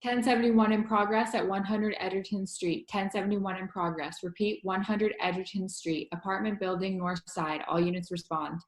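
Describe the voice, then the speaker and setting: A woman's voice: mid-range voice, fairly even intonation, moderate pace, hardly any pauses, reverberant, poor audio. A woman doing a police radio dispatcher. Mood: urgent, procedural. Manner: clipped, procedural radio calls.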